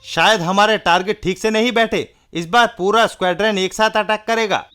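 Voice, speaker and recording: A man's voice: sits high, steady tone, normal speed, a bit bright, faint music behind, voice pushed up. A man voicing an alarmed, scheming army commander in a comic-book audio drama, with urgent military exclamations.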